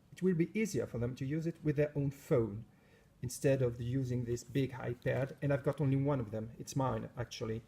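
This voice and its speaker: With a medium-pitched, dark, husky voice, a Frenchman who teaches science gives a casual vlog talk to camera from his school lab. He regularly stops to search for English words and fixes his own phrasing.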